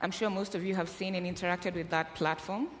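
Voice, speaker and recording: A woman's voice: lowish voice, steady tone, brisk. A woman from Kenya moderating a live conference panel, friendly and joking as she talks to the audience. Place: large conference hall. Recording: long hall reverb, faint room noise.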